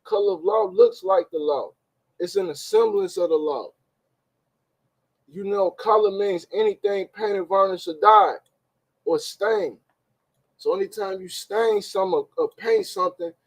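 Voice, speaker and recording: A man's voice: sits high, wildly swooping pitch, measured pace, vocal fry, poor audio. A man hosting a livestream, laying out legal claims in emphatic street slang and asking the audience rhetorical questions. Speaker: livestream host. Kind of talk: informal legal talk to a live audience.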